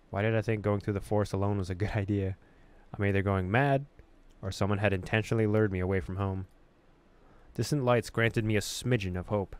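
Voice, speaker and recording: With a fairly low pitch and a clean tone, a male gaming host reads a horror visual novel out loud, telling the story expressively in a casual way.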